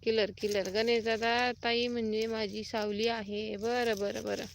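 Slow-talking woman live-streaming. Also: a little high, flat delivery, gravelly, a little hiss or hum. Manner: chatty, teasing, drawn-out repeated replies. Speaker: livestream host. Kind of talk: casual live-stream chat reading viewer comments.

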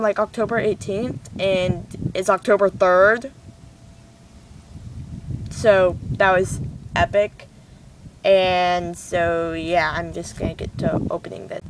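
Teen girl, chatty unboxing vlogger, sore throat from a cold, retainer in, recorded a little away from the mic with faint traffic behind. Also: mid-range voice. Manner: bubbly, chatty, wearing a retainer. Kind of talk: casual chat to camera. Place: home, cars passing outside. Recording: mic a bit distant, faint street noise.

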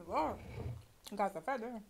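A woman's voice: fairly high pitch, a little mellow. Woman vlogger, casual and folksy, talking while chewing, faint background noise. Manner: chatty, folksy, addresses viewers as y'all. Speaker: mukbang vlogger. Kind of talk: casual chat to viewers while eating.

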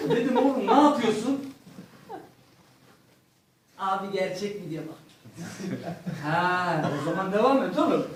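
A young man with a high voice does stand-up on a comedy stage before an audience, telling crude stories and acting out the voices of the people in them. The sound comes from a distance in an echoey hall, with slight background noise.

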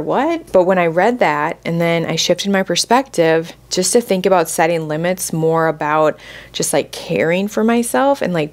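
A woman podcast host in her forties speaks with a somewhat low voice. She talks candidly and casually, sprinkling in "like" as she shares a heartfelt personal story. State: close to tears at moments.

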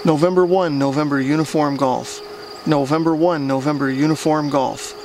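A man calling CQ on ham radio from his home garage, spelling call signs in a slow, measured on-air manner. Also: on the high side, fairly even intonation, darkish tone, a little hiss or hum. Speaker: amateur radio operator.

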